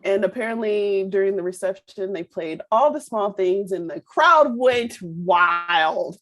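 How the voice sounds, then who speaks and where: A woman co-hosting a podcast in casual chat, talkative and quick to laugh. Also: mid-range voice, fairly bright tone. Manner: chatty, laughs often. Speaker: podcast co-host.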